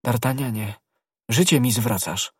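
A man's voice: mid-range voice, unhurried, slightly rough, no room sound, studio quality. A man reading as Aramis, an anxious young musketeer. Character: anxious young male musketeer, secretive lover.

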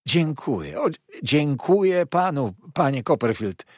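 A man's voice: mid-range voice, big pitch swings, measured pace, dry recording, studio quality, voice pushed up. A man voicing a sly, falsely humble young male clerk who talks in a sugary, wheedling, obsequious way. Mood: fawning.

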